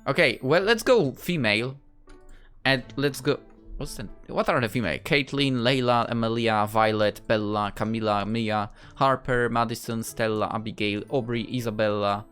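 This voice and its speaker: A gaming video creator plays through his own visual novel, offering casual, playful, rambling commentary and reading the dialogue aloud. His mid-range voice is fairly bright and clean at a moderate pace, with faint music in the background.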